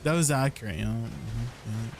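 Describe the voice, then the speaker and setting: A man's voice: fairly low pitch, animated, fairly quick, vocal fry, slight background noise. A man live streaming, chatting casually with viewers, telling stories and reading their comments aloud.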